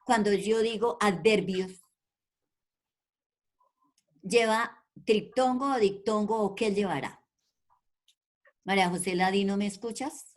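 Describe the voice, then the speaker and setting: A woman's voice: medium pitch, takes it slowly, pauses often. A woman teaching an online primary school language class, patiently calling pupils by name and repeating her questions in an affectionate way. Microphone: video call.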